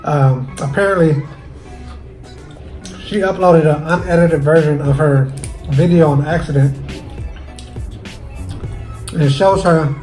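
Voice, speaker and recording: Guy doing a mukbang, kinda high voice, chatting away while eating, faint music behind. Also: slow pace, long pauses, darkish tone, low-quality recording. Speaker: cooking channel host. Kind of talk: casual mukbang chat.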